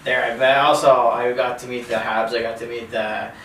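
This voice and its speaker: A man, a chef and caterer from Canada, talking casually in an interview, relaxed, with many fillers and repeated phrases. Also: mid-range voice, normal speed. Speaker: interview guest. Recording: roomy, distant from mic, faint noise.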